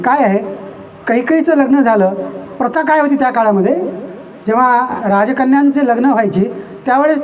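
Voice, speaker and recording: A man's voice: very high voice, darkish tone. A man telling a devotional epic story in a conversational, explaining way, with asides to the listeners. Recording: distant mic, faint noise.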